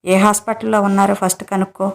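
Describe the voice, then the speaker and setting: A woman's voice: medium pitch, little pitch movement, fast talker, creaky, natural voice. A woman voicing a cocky, teasing young man in a romance audio story, with a breezy, dismissive manner.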